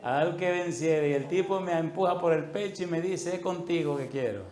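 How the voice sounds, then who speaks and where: A male pastor preaching a sermon, telling an animated story and acting out the voices in it. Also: on the high side, moderate pace. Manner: animated, acts out voices in anecdotes. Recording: echoey room.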